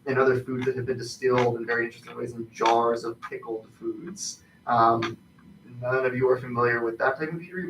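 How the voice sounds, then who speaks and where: A man improvising tabletop game narration as game master, haltingly, searching for his words. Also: mid-range voice. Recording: distant mic, roomy echo, faint noise.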